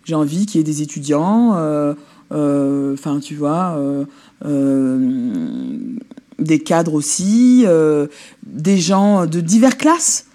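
A woman's voice: low voice, expressive, slow pace, mellow. A woman actress speaking bluntly and casually in an interview. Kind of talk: documentary interview.

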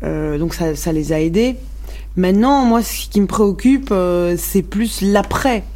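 A woman speaks her mind in a radio interview. Her voice sits at a middle pitch, and her speech is frank and full of restarts and fillers. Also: animated, unhurried, darkish tone. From Morocco. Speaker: musician guest.

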